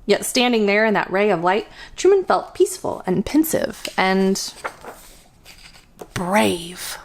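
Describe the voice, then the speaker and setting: Hosting a children's storytime, a woman reads a picture book aloud with expressive, deliberate storytelling. Her voice sits in the mid range, and there's slight background noise.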